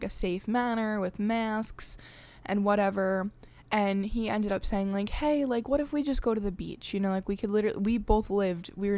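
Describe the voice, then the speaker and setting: Speaking into a desk podcast mic, this young host keeps her casual chat intimate and full of fillers. Her pitch is medium and her tone on the darker side.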